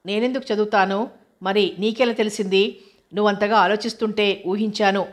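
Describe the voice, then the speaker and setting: A woman narrator voicing a clinging, scheming female companion who speaks in a soft, coaxing way. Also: mid-range voice, fairly even intonation, normal speed, natural voice.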